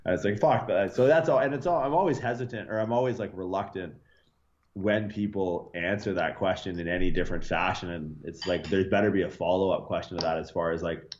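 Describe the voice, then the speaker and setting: Very deep-voiced laid-back podcast guest. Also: male voice, a little fast. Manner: rambling, laid-back, swears, laughs along. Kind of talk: casual podcast interview. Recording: slightly dull lo-fi sound with faint noise.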